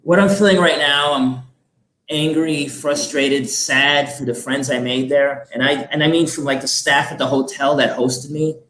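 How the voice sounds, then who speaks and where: A man chats as a podcast guest, sharing a travel story earnestly. His voice sits a bit high. The recording has a roomy echo. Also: steady tone, moderate pace, fairly bright tone. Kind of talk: casual podcast chat. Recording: echoey room.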